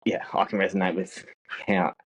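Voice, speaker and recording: Young Aussie guy, low husky voice, relaxed reflective podcast chatter. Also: normal speed. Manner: laid-back, reflective, swears casually. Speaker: podcast co-host. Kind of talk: casual chat.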